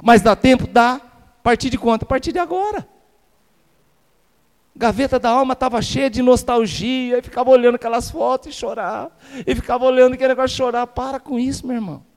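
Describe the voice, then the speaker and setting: A man's voice: very high voice, brisk, darkish tone. A male pastor with a Brazilian Portuguese accent, preaching a sermon emphatically, firing rhetorical questions and calling for amens. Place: church sanctuary. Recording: reverberant church hall.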